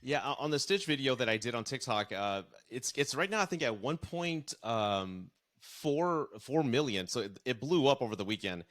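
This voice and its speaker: A middle-aged man with a voice of ordinary pitch, talking earnestly in a relaxed chat. He coaches people on dating and divorce, and he works through stories from his past marriage, acting out the other voices as he goes. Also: moderate pace, hardly any pauses. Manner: earnest, storytelling with acted-out quotes. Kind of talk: casual podcast conversation.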